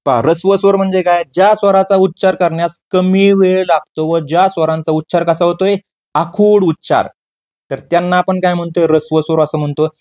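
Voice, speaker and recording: A man leads an exam-prep grammar lesson. His voice sits a little high, and he drills each definition by asking a question and answering it himself, repeating the key words. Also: fairly even intonation, a little fast, a little mellow. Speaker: teacher.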